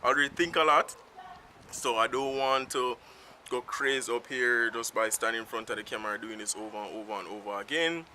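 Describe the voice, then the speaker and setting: Outdoors in town under the sun, a male vlogger with a Jamaican accent, Patois being his first language, talks casually and unscripted to his own camera in a rambling, free-flowing way. His voice is medium-pitched and a little fast, with faint street traffic behind.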